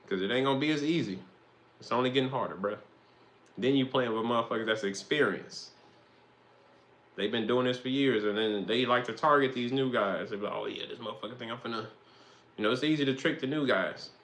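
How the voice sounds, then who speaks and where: A man's voice: mid-range voice, moderate pace, fairly bright tone. Slangy man rambling about football. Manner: rambling, slangy, swears freely. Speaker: host. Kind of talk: casual football commentary monologue.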